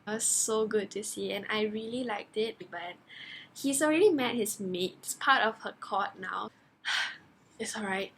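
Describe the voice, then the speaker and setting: A woman giving a casual book review for her vlog, gushing and animated as she acts out her own reactions. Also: mid-range voice, moderate pace, vocal fry, a little hiss or hum. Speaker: book vlogger.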